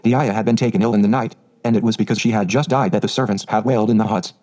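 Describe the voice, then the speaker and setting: Audiobook narrator: a man, quick and steady, mellow low-lit tone. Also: low-quality recording.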